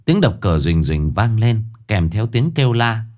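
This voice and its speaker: A man narrating a dark thriller story in a measured, suspenseful way. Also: lowish voice, big pitch swings.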